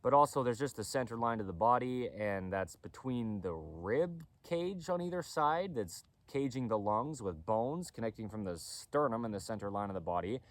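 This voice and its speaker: Here a man whose voice sits on the low side, with no echo, talks anatomy for the camera in a relaxed lecture on body mechanics. He owns a clothing company, and his delivery is repetitive, punctuated again and again by "okay?"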